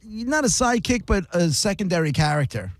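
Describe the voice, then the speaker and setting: A man hosting a call-in radio show, brisk and teasing as he handles callers. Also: high-pitched, big pitch swings. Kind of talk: casual call-in radio banter.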